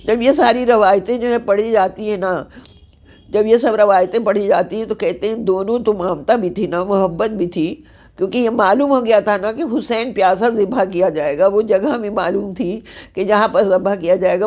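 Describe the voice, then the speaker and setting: A woman's voice: mid-range voice, a little mellow. Woman reciting an impassioned mourning sermon. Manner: impassioned lamenting delivery, repeating phrases. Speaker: zakira, mourning-assembly reciter.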